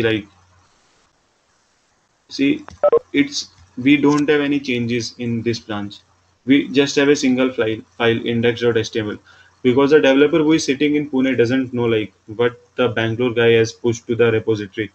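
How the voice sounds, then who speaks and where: A man with an Indian accent giving a step-by-step software tutorial as an instructor, explaining simply and repeating key points. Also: mid-range voice. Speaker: programming instructor. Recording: dull lo-fi mic with background noise.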